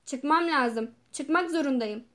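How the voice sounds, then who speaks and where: Brief: woman doing a frightened male doctor, pleading, high voice, storybook reading. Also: slow, a bit bright. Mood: agitated. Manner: pleading, agitated. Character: trembling middle-aged male doctor, shaken.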